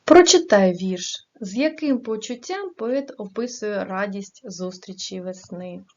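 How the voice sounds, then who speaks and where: Slow, deliberate woman reading a lesson. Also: mid-range voice, animated, a little mellow, highs cut off. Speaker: primary school teacher. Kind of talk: slow classroom reading of poems and exercises.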